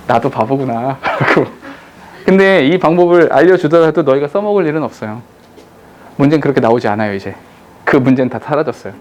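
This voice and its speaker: A man teaching an English lesson to students in a classroom, talking to them directly in a jokey, animated way. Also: on the high side. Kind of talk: classroom lecture.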